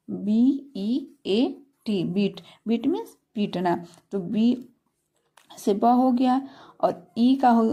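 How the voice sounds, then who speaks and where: Gravelly-voiced woman teaching pronunciation. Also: a little high, warm tone. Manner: spells words out slowly letter by letter, repeats meanings. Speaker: English teacher. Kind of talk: spelling and pronunciation lesson.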